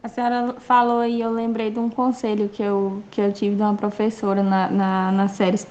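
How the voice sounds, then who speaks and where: A woman's voice: mid-range voice, flat delivery, normal speed, darkish tone, dull audio, a little hiss or hum. A woman student recalling advice in an online class, thoughtful and hesitant.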